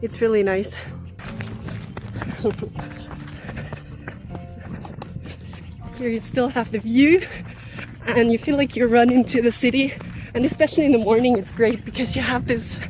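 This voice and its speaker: An Austrian woman with an Austrian German accent chats casually to the camera while running forest trails and a park, guiding a tour. Her voice sits on the high side with a steady tone, and she speaks slowly with frequent pauses. Soft music plays behind her, and the recording quality is low.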